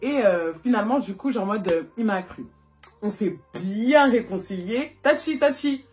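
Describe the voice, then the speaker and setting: A young woman from France telling a casual storytime to her viewers, animated and chatty, filling her talk with little asides and laughs. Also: medium pitch, moderate pace, faint music behind. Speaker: vlogger. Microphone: phone.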